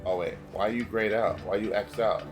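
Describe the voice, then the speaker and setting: A man with a lowish, brisk voice and a stuffy nose streams a game, offering casual, rambling commentary over the game music. He often gets confused by the controls and pokes fun at himself.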